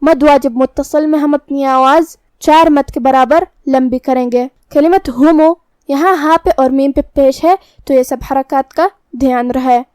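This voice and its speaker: A woman's voice: sits high, steady tone, darkish tone, no room sound, studio quality. A woman teaching recitation rules in a methodical, step-by-step manner. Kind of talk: tajweed lesson explanation.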